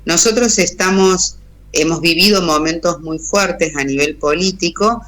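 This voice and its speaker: Bright-voiced Argentine woman explaining on radio. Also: lowish voice, unhurried. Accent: Argentine Spanish. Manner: thoughtful, frequent hesitations and restarts. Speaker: radio guest speaker. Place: radio studio.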